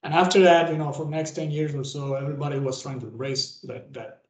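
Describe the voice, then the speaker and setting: A man's voice: on the high side, steady tone, fast talker. A man, giving a conversational guest lecture over a video call, often restarting phrases and checking in with "okay?". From Venezuela. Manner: rambling, with frequent self-restarts and tag "okay?". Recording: roomy echo.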